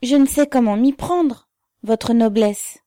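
A woman's voice: mid-range voice, slow pace, mellow, no echo, studio quality, close to an everyday voice. A woman voicing a fawning, cunning older market woman who plays dumb before an officer. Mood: frightened. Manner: servile, mock-humble pleading.

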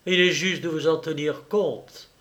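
A man gives voice to a proud young lady of good family in a storybook reading, speaking softly and with restraint. Her replies are cool and dignified, a touch higher than an everyday man's voice. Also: fairly even intonation, moderate pace, natural voice. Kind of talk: audiobook character voice.

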